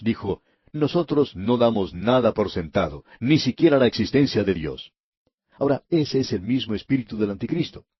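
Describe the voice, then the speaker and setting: A man's voice: lowish voice, breathy edge, no room sound. A man giving a radio Bible lesson in an earnest, emphatic way, speaking directly to the listener. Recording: dull lo-fi radio recording.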